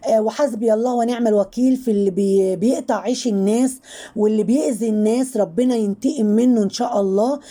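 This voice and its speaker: A woman with an Egyptian Arabic accent hosts her own channel, offering chatty, mocking gossip about online personalities and reusing the same filler words over and over. Her voice is on the high side with a dark tone.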